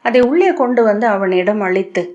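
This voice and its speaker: A woman reads a novel aloud in a steady, literary storytelling manner. Her voice sits at a middling pitch. The recording is muffled and lo-fi. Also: normal speed. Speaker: audiobook narrator. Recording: dull lo-fi audio.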